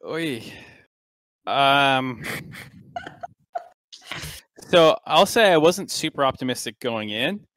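Slow, animated man on a panel. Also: medium pitch. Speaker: panel guest. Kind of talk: casual panel chat.

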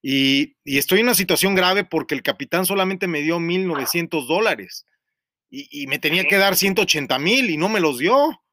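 A Mexican man with a high, bright voice rambles through a profane, joking story on a radio talk show. He sounds close to the mic in a dead, dry space. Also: lively intonation, normal speed, dry recording.

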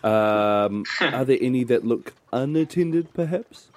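A man playing a tabletop game, describing his character's actions, animated and swearing freely. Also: mid-range voice, slow pace. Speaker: player.

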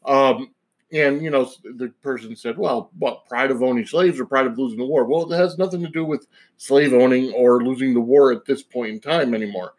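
A man's voice: mid-range voice, brisk, a little mellow, rough recording. A man hosting a podcast alone, giving a casual opinion monologue in a rambling, digressive way. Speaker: podcast host.

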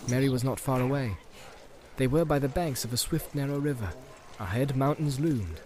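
A man reading a fantasy audiobook as narrator, in a measured, dramatic storytelling manner. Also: medium pitch, darkish tone. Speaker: audiobook reader.

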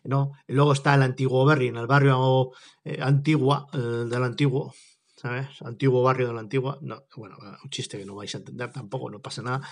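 A man hosts a podcast in a loose, rambling monologue. He jokes and wanders off topic in an easygoing, conversational way, at an ordinary middle pitch. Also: fairly even intonation, fairly quick. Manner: chatty, jokey, digressive. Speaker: podcast host.

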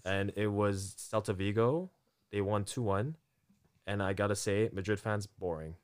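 Low-ish dude chatting casually, animated storyteller, keeps laughing. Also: male voice, measured pace, clean tone. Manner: animated storyteller, acts out quotes, laughs often. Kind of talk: casual chat.

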